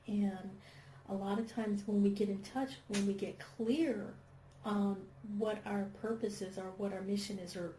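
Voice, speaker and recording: A woman hosts an internet radio show, and her voice is mellow and rounded. The sound is roomy and echoey, with a faint hum of ambience behind her. She responds to her guest in an affirming, coaching way. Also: mid-range voice.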